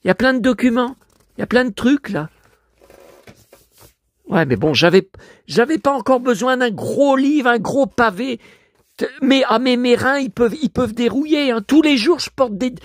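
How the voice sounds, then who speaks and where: A hoarse man talking to his viewers at home, showing off his finds as a collector. He rambles, grumbles, swears often and keeps addressing the audience. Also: extremely high pitch, no room sound, clean studio sound. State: hoarse, voice worn out. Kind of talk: rambling vlog talk to viewers.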